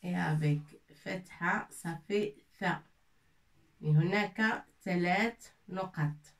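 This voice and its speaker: A woman teaching Arabic letters and words, slowly spelling them out and repeating each word. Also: on the low side, far from the mic. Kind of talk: whiteboard lesson.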